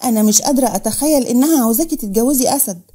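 A woman's voice: fairly high pitch, racing, mellow, husky. A woman voicing a sensible young woman friend with an Egyptian accent, reasoning and teasing, in a storybook reading.

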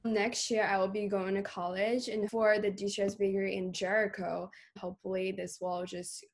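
A teenage girl talks over a webcam from her bedroom in an even, monotone way. She pauses with fillers as she explains. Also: medium pitch. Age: teens. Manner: flat, hesitant with fillers. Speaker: student founder of bakery. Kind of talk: casual interview. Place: bedroom at home. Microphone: video call webcam.

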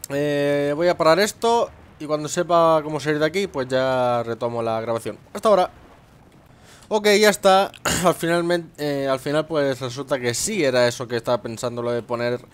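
A man's voice: medium pitch, smooth. A young man, commenting on his gameplay, muttering to himself and swearing. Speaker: gameplay host. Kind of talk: let's play commentary.

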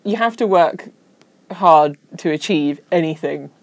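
A woman's voice: low voice, a little slow. A woman with a British accent co-hosting a casual chat, giving her opinions in a direct, matter-of-fact way. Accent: British English. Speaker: podcast co-host.

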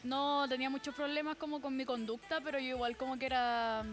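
A woman's voice: high voice, brisk. Young Chilean woman, casual guest. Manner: relaxed, laughing lightly, uses fillers like "como que". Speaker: guest pop singer. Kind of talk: casual interview talk. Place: TV studio set.

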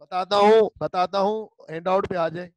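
A man's voice: high voice, steady tone, moderate pace, no room sound, rough recording. A male law teacher, giving an online class lecture and drilling students by repeating key terms. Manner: repetitive, drilling students with call-and-response.

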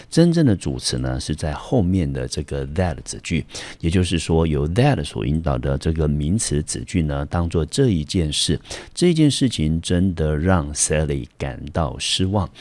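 A male high school English teacher with a Taiwanese Mandarin accent, patiently explaining a vocabulary word and spelling it out letter by letter. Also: a little mellow, dry recording. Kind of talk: vocabulary lesson.

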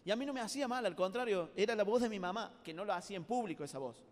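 A man's voice: sits high, lively intonation, racing. A man with an Argentine accent preaching a live sermon to a youth congress, telling stories in a chatty, colloquial way and addressing the audience directly. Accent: Argentine Spanish. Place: large hall at a youth congress. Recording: reverberant live hall recording.

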